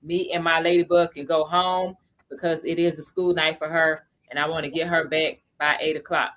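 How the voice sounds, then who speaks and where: Woman livestream host, lowish voice, chatty, teaches crypto basics and calls out viewers in chat. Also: level tone, a bit bright. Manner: chatty, addresses viewers as y'all, greets chatters by name; slows down to stress key points. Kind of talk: casual livestream lesson.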